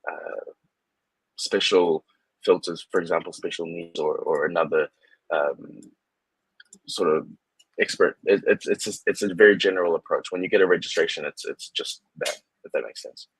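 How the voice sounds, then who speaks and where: A young man speaking over a video call in a very low, slightly husky voice. He talks as a guest immigration adviser in a loose, conversational way, full of fillers and restarts. The sound is dry and close. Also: moderate pace, dry recording, low-quality recording. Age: young adult. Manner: relaxed, many fillers and restarts. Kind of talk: casual online interview.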